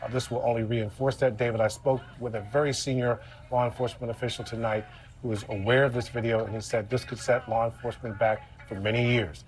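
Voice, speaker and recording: Man, mid-pitched voice, American accent, news correspondent, grave emphatic live analysis.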